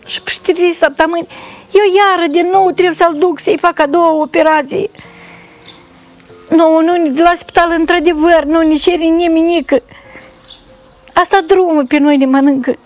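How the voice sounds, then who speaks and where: A woman with a very high voice tells her family's story for a charity. She speaks in a pleading, repetitive way and comes back to the same phrases again and again. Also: steady tone. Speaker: mother seeking charity help. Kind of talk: emotional testimony.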